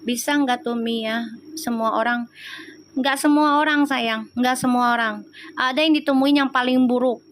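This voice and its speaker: A woman's voice: fairly high pitch, steady tone, moderate pace, slight background noise. A woman with a Betawi Jakarta accent, chatting casually on a live stream as a tarot reader and talking straight to her viewers. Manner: chatty, talks straight to viewers by name, slangy.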